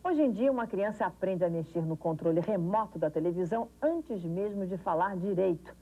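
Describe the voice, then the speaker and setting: A woman's voice: fairly low pitch, fairly quick. A woman with a Brazilian accent reading scripted TV news, recorded on an old VHS tape. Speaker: TV news presenter. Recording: tinny, narrow-band 1990s VHS TV recording.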